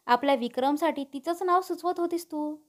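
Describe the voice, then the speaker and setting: A woman's voice: sits high, a little fast, close to an everyday voice. A woman voicing an easygoing, good-humoured middle-aged father in a storybook reading.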